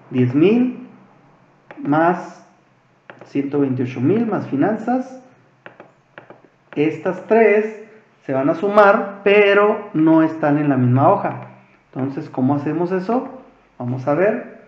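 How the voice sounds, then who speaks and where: A male teacher with a Mexican Spanish accent walks through the steps patiently, asking the class questions as he goes. His voice sits high for a man. The recording sounds roomy and a little dull. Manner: patient, explanatory, asks rhetorical questions. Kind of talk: screen-recorded spreadsheet tutorial.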